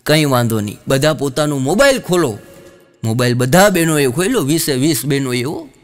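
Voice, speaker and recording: A man telling jokes in a live stand-up show on a stage mic, lively and animated. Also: medium pitch, fairly quick, soft background music. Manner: lively storytelling, acting out quoted voices. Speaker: stand-up comedian.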